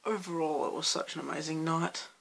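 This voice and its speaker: Croaky Australian young man vlogging. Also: on the high side, steady tone, fairly quick, fairly bright tone. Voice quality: gravelly fry. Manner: rambling, loose, with many restarts and fillers. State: croaky, hoarse voice. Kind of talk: casual late-night vlog chat.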